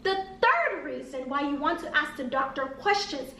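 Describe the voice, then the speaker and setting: A woman's voice: high voice, animated, normal speed, vocal fry. A woman narrating scripted personal advice as a vlogger, in a direct, instructive way. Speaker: vlogger sharing surgery recovery advice. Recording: echoey room, distant mic, music behind.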